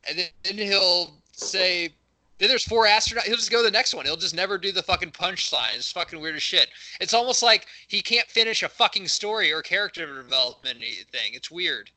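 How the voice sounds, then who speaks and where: A man's voice: high voice, animated, brisk, few pauses, bright, forceful tone, low-quality recording. A man co-hosting a podcast, giving joking, profane, rambling mock field reports. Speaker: podcast co-host, comic correspondent.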